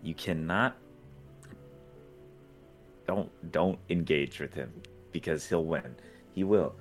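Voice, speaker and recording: A man's voice: extremely low pitch, slow, soft background music. A man playing a tabletop game, talking in character in an emphatic way and swearing freely. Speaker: player.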